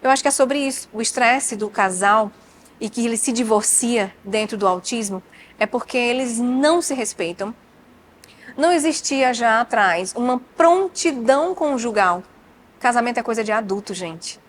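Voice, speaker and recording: A woman's voice: fairly high pitch, moderate pace, a little hiss or hum. A Brazilian woman, a child psychologist, talking in a casual interview and acting out family dialogue as she tells stories. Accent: Brazilian Portuguese. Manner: animated storytelling, acts out family dialogue.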